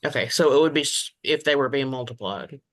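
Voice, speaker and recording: A man's voice: medium pitch, a little fast, fairly bright tone, no echo, clean studio sound. A man speaking as a student, casually answering and asking questions in an online math class. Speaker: algebra student.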